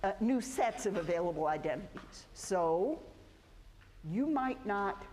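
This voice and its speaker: A woman's voice: mid-range voice, animated, measured pace, a little mellow. Woman professor, casual lecture delivery with self-corrections, recorded in a reverberant hall. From United States. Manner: conversational, self-correcting, with frequent restarts. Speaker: sociology professor. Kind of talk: university lecture. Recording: echoey lecture hall with faint ambience.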